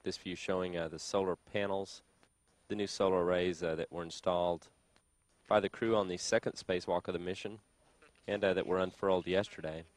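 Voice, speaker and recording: Low-voiced male mission control announcer. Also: steady tone, dry recording. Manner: measured official announcing with filled pauses. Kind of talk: live space mission commentary.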